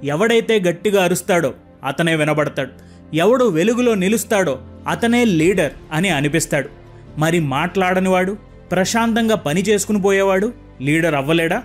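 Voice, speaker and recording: A young man narrating a book summary in an earnest, reflective way, asking calm rhetorical questions. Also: sits high, moderate pace, faint music behind. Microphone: close microphone.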